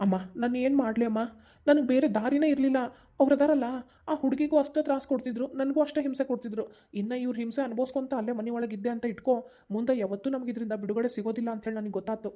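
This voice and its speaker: Woman as cartoon young son, North Karnataka accent, quick pleading delivery, dark mellow tone. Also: on the high side, steady tone, lightly acted. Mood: earnest. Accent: North Karnataka Kannada. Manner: pleading, determined, talks fast. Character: earnest young man, devoted son and brother. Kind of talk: cartoon voice acting.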